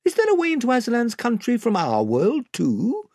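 Man putting on Edmund, an eager high-voiced boy. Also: wildly swooping pitch, normal speed, a little mellow, breathy edge, no room sound, studio quality, exaggerated voice. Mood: surprised, questioning. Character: eager, polite, questioning boy.

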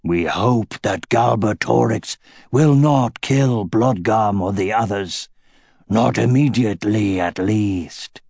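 A man voicing an old, wise male dragon who gives measured, grave counsel. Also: fairly low pitch, gravelly, a little mellow, husky, no echo, clean studio sound, exaggerated voice.

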